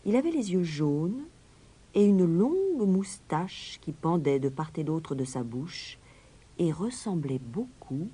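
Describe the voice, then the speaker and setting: A woman's voice: fairly low pitch, big pitch swings, takes it slowly, mellow, husky. A woman narrating a storybook tale expressively, dropping to a whisper for suspense.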